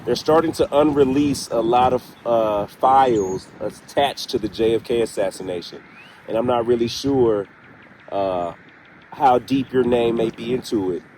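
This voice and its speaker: A man hosting a paranormal session, speaking deliberately with pauses as he puts direct questions to an unseen spirit. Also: mid-range voice, noisy background. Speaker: paranormal investigator, host. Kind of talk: slow spoken questioning in a spirit box session.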